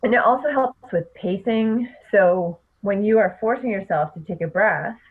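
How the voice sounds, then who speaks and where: A woman's voice: medium pitch, normal speed, breathy edge. Woman coach on a tinny line. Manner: animated, explanatory, laughs often. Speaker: public speaking coach, guest. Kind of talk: podcast interview.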